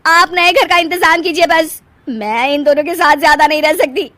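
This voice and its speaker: A woman voicing a spoiled young wife in a cartoon story, shrill and demanding. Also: expressive, moderate pace, no room sound.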